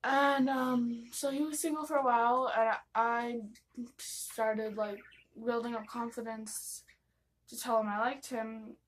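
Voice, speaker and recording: Young American woman, high-pitched gossipy storyteller. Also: flat delivery, measured pace, slight background noise, rough recording. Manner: gossipy, giggly, rambling, quoting dialogue with "I was all". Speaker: vlogger telling personal stories. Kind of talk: casual confessional storytime.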